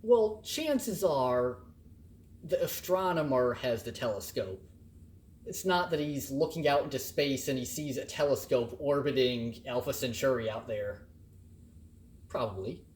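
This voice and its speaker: Male lecturer, slow and deliberate, lively swooping pitch, playful classroom delivery. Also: slight background noise. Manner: animated and playful, acting out examples in varied emphasis. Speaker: college instructor. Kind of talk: recorded lecture.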